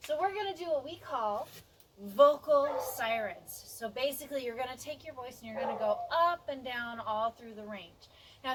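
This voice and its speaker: A woman teacher leading a class through body and voice warm-ups in an upbeat, coaxing way. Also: sits high, background noise. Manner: upbeat, coaxing, counts aloud with energy. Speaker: music and theater teacher.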